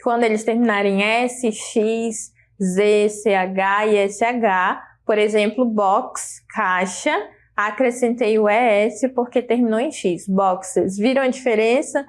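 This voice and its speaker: A woman's voice: medium pitch, fairly even intonation, takes it slowly. A Brazilian woman with a Brazilian Portuguese accent teaching an English grammar lesson, explaining patiently and checking in with her students.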